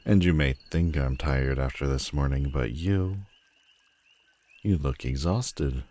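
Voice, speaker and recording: In a mellow, full character voice that goes very deep, a man plays a world-weary, theatrical telepathic supervillain who is sardonic and menacing. Addressing the listener in scripted roleplay, he mocks slowly and deliberately, leaning on dramatic pauses.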